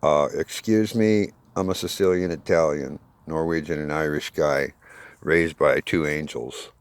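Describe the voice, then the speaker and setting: A man in his sixties giving a rambling, aggrieved monologue, swinging between loud bursts and low muttering. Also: fairly even intonation, normal speed. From United States. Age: 60s. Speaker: self-made video appeal.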